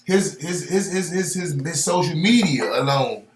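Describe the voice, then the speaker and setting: Guest comedian from D.C., mid-pitched, emphatic, repeats words; echoey room. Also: expressive, normal speed, a little hiss or hum. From Washington, D.C. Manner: emphatic, repeats words while building a point. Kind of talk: casual chat.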